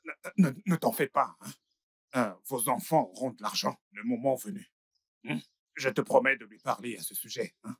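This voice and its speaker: Soothing husky relative. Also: male voice, medium pitch, moderate pace, no echo, clean studio sound. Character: reassuring male relative. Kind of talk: dubbed film dialogue.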